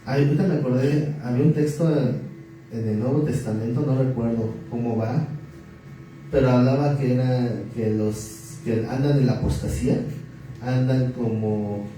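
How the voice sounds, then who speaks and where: A man's voice: medium pitch, steady tone, moderate pace, warm tone. A male pastor, preaching a sermon in a conversational, joking way and asking the audience questions. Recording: very echoey hall, far from the mic, faint noise.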